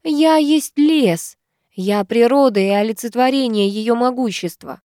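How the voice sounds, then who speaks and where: A woman's voice: a little high, warm tone, no echo, studio quality, pitched above the performer's own voice, lightly acted. A woman voicing a young witch who leads a ritual, speaking with solemn command. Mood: chanting. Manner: commanding, solemn, chanting slowly.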